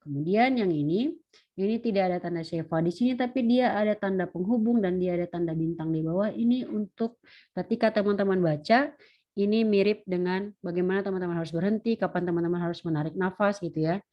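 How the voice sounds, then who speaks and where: A woman lecturer giving an online lesson, explaining step by step and slowing down to sound out words. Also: mid-range voice, lo-fi sound.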